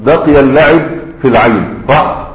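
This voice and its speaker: A man's voice: mid-range voice, normal speed. A man with an Egyptian Arabic accent teaching a grammar lesson, explaining step by step and often checking that his students follow. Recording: roomy, dull lo-fi lecture recording.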